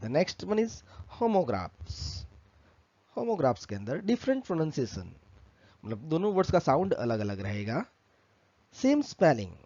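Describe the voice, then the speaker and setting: A man teaching in a lesson, explaining slowly and drawing out the key words. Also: fairly high pitch, mellow, dry recording, dull audio. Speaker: English tutor. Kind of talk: spoken language lesson.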